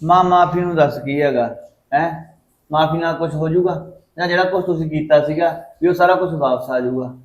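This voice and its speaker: A man playing a fast, lecturing soldier son, Punjabi accent, somewhat high voice. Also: reverberant, highs cut off, lightly acted. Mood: angry. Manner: scolding, lecturing. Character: stern soldier son, young adult man, quick-tempered. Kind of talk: Punjabi short film acting.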